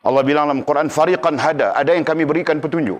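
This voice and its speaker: A man's voice: on the high side, steady tone, rapid-fire. Emphatic male religious teacher. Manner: emphatic, keeps checking students understand. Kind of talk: religious class lecture.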